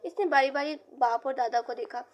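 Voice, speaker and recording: A woman with an Urdu accent narrating a romance novel aloud, reading every character's lines in the same soft reading voice. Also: sits high, steady tone, normal speed, dull audio. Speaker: audiobook narrator.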